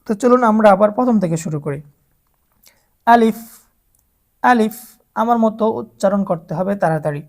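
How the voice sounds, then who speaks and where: Here a darkish-toned woman of medium pitch talks quickly with lively intonation and hardly any pauses. Her slow, step-by-step recitation lesson teaches adult beginners Quran reading as she patiently stretches each letter sound and has them echo her.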